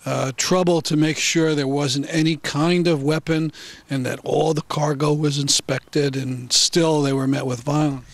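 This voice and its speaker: A man hosts a TV news interview, his voice sitting somewhat high for a man. He asks plain, probing questions and hesitates now and then. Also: fairly even intonation, measured pace, dry recording.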